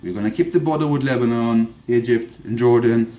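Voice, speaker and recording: This video commentator, a man with an Israeli accent, argues politics off the cuff at a fairly quick clip, his mid-range voice dark in tone. Repeated words and fillers trip him up often, and the recording sounds echoey.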